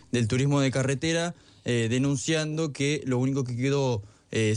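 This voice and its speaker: A man with a smooth, clear voice gives a sports news update in a dry studio sound. He speaks haltingly, searching for his words. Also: mid-range voice, a little mellow, no echo.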